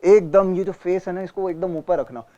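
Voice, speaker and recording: A man teaching a theatre class, coaching students on posture, breathing and clear speech, often calling them beta and acting out examples. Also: sits high, steady tone, normal speed, warm tone, muffled recording. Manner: coaching, addresses students as beta, mixes Hindi and English.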